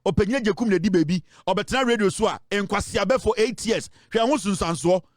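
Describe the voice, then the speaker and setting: A man's voice: high-pitched, a little fast, no room sound, clean studio sound. A Ghanaian man giving impassioned political commentary, lecturing emphatically and switching between English and Twi.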